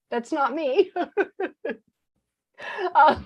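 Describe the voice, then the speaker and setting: A woman leading an online teacher workshop over a video call, chatty and animated, laughing easily as she explains. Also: high voice, very slow, muffled recording. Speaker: teacher trainer. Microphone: video call microphone.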